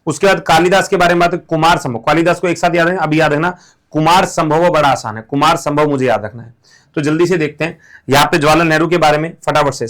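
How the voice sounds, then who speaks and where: A man's voice: a little high, fairly bright tone. A man teaching exam material through playful, silly memory stories in a casual classroom manner. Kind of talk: mnemonic lesson, casual classroom talk.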